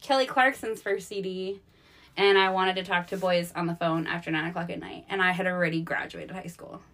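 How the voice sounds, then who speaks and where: A woman guest on a podcast, telling personal stories in an animated way and laughing often, in a candid casual chat. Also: fairly low pitch, a little fast.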